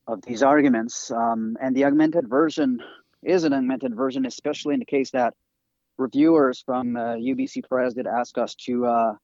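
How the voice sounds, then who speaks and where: A man with a French accent, a native French speaker, talking as an interview guest and author in a halting way with many fillers and restarts. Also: medium pitch, lively intonation, vocal fry, a little mellow, no room sound. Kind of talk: interview talk over a call. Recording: dry, dull lo-fi audio.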